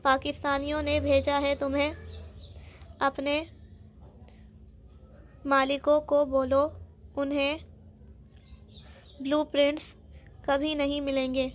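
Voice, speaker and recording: A woman's voice: high-pitched, completely flat delivery, pauses often, lightly acted. Woman voicing a growling paranoid old man. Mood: menacing. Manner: growling, menacing.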